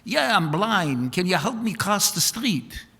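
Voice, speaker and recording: Man plays a high, bright-voiced chatty blind man; pleading questions, big hall echo. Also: big pitch swings, unhurried, husky, full character voice. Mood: eager. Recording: long reverb of a large hall.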